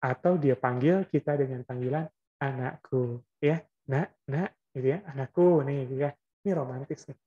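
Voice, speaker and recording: A man's voice: mid-range voice, normal speed, dark tone, highs cut off. A man giving an Islamic parenting lecture, explaining in a conversational way and often adding little checking tags.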